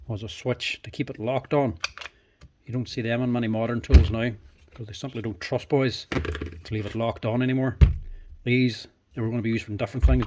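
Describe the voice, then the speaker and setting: Male repairer, mid-pitched, thinking aloud in short plain remarks over clear workshop noise and clicks. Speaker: power tool repairer and video host. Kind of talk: casual workshop commentary, talking through repairs.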